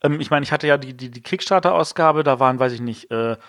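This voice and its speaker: A man's voice: mid-range voice, fast talker, fairly bright tone, no room sound, studio quality. A man co-hosting a board game podcast, reviewing games in a casual, rambling way with many fillers.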